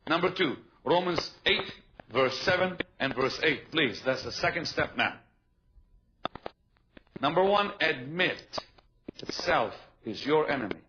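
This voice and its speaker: A high-pitched man preaches with insistent repetition, pressing his listeners to answer him. The recording is muffled and dull, with a steady hiss of noise beneath his voice. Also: a little slow, pauses often. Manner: emphatic, repeats key points, asks the congregation to respond. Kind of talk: sermon. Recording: dull, noisy live sermon recording.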